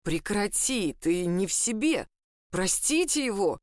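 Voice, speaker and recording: A woman's voice: mid-range voice, sing-song, a little slow, no room sound, studio quality. A woman voicing a worried young man who urgently pleads with his friend to stop. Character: anxious young man trying to calm a friend.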